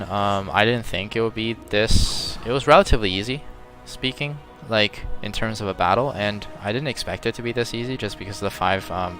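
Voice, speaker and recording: A man recaps a strategy game battle in a loose, thinking-aloud way, pausing and restarting often. His voice is lowish but bright and forceful. A faint bed of music plays behind him. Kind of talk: casual let's-play commentary.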